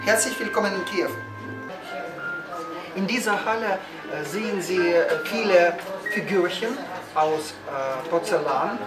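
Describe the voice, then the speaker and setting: Man, Ukrainian accent, halting tour-guide talk, roomy dining room, music playing behind. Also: high-pitched. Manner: hesitant, many fillers and self-corrections. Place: indoor restaurant rooms. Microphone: camera mic from a few steps away.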